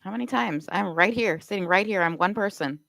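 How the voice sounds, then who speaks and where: A woman's voice: medium pitch, brisk, creaky, a bit bright, no echo, rough recording. A Canadian woman live streaming, firing off accusatory rhetorical questions in a confrontational rant.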